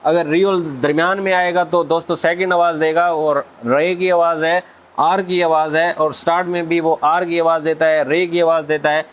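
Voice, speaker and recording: A man hosts a casual video lesson on Korean pronunciation, addressing viewers as friends and slowly spelling out sounds. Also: on the high side, little pitch movement. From Pakistan. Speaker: Korean language teacher, channel host.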